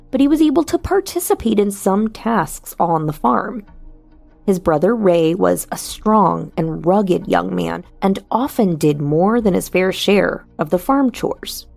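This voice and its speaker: A woman host narrating a scripted true crime bedtime story as a sleep story narrator, in a soft, soothing delivery. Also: mid-range voice, vocal fry, no room sound. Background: soft music.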